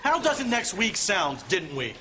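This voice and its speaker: A man's voice: high-pitched, huge pitch swings, measured pace, pushed and bright, exaggerated voice. An actor playing a cheerful male student in a sitcom sketch, chatty and ending sentences with odd tag questions, from a noisy clip with audience laughter. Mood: friendly.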